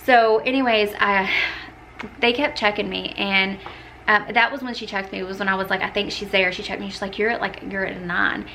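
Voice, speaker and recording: A young woman chats through a personal story in a bright, forward voice with a gravelly edge. She fills her talk with "like" and acts out what people said. Faint room sound sits behind her. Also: medium pitch, fairly even intonation, fairly quick, slight background noise, low-quality recording. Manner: chatty, many "like" fillers, acts out quoted lines. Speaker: vlogger. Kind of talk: casual storytelling to camera.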